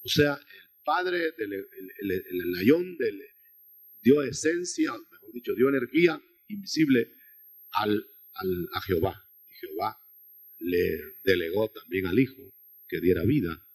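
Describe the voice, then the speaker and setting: A man's voice: lowish voice, animated, a little slow, breathy edge. A man preaching a sermon, explaining scripture in a teaching manner, addressing listeners as brother and often restarting his phrases. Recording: 1990s.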